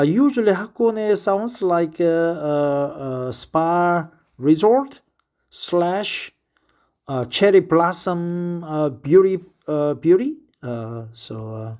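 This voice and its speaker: In a slightly high voice with a darkish tone, a Korean vlogger in his fifties talks through a casual spoken diary and reads aloud. He is a native Korean speaker with a Korean accent who hesitates often and fills pauses with many sounds.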